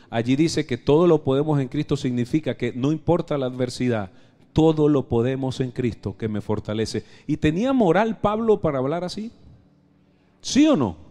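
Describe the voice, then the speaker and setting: Venezuelan pastor preaching a live sermon. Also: male voice. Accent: Venezuelan Spanish. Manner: preaching with call-and-response questions to the congregation; emphatic, swings between loud exclamations and soft low asides. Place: church service.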